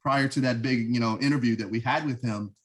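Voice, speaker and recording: A middle-aged American man, a military veteran appearing as a podcast guest, talks about his upbringing in a casual conversation. His mid-range voice is fairly even in intonation and fairly quick. He comes across as earnest and rambling, restarting often.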